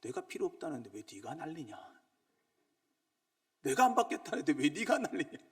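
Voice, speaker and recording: A man's voice: a little high, huge pitch swings, moderate pace, recorded from a distance, exaggerated voice. A man voicing God in a short sermon story, scolding in blunt, mock-exasperated questions.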